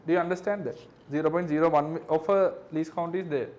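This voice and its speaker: A physics tutor with a high, light voice goes over exam questions out loud. He works through each figure step by step. He keeps checking that his class follows with quick tag questions. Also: steady tone. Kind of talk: exam question review lesson.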